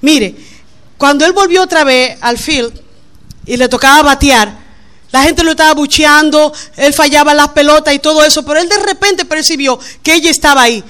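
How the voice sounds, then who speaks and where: Lively, bright-voiced woman pastor preaching. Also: sits high, moderate pace. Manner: lively, playful sermon with acted-out quotes. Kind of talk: sermon. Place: church.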